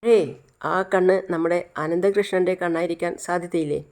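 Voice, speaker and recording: A woman's voice: fairly low pitch, fairly even intonation, normal speed, a little mellow, natural voice. A woman voicing a gossiping middle-aged coworker who pries with insinuating questions. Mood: prying. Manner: prying, insinuating.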